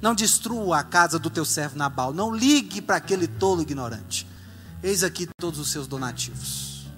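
A man's voice: on the high side, expressive, normal speed, fairly bright tone, faint music behind. A man voicing a wise young woman begging on her knees, urgent and humble. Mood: pleading. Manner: pleading, urgent.

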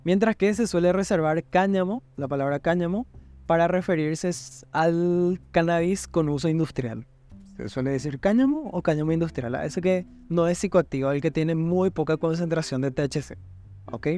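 A man hosting an educational podcast, explaining word origins in a steady way and often checking in with tag questions. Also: a little high, moderate pace. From Paraguay. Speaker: podcast host. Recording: faint guitar music behind.

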